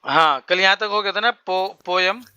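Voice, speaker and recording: Bright, crisp man teaching English. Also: sits high, no echo. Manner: explains words slowly, spells them out, thinks aloud. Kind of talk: spoken English class for Hindi speakers.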